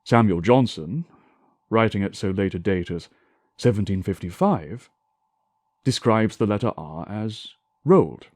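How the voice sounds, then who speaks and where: Formal guy reading a scholarly lecture, deliberate and declamatory, bits of old shakespearean pronunciation, really dry close sound, swoopy intonation. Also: on the low side, expressive, darkish tone, dry recording. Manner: formal, deliberate, declamatory delivery with emphatic enunciation. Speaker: lecturer on historical English pronunciation.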